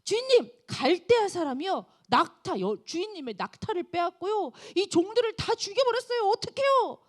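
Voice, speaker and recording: A woman preacher voicing a panicked male servant who rushes in with terrible news, pleading and high-pitched. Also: sing-song.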